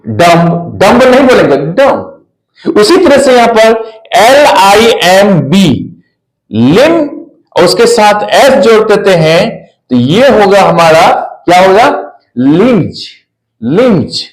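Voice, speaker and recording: A man teaching an English pronunciation lesson, repeating every word slowly and spelling it out letter by letter. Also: sits high, animated, echoey room, low-quality recording.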